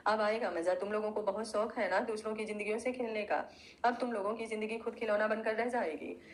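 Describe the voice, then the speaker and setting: A woman's voice: mid-range voice, steady tone, a little fast, a little hiss or hum, close to an everyday voice. A woman voicing a stern, bitter older father who accuses harshly and gloats, in a storybook reading. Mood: gloating.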